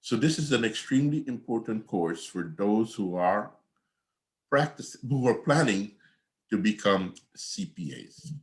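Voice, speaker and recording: An older Guyanese accounting professor lectures his online class over a video call from home, rambling and repeating himself as he drifts off topic in a chatty way. His voice is fairly low, with lively intonation and a measured pace.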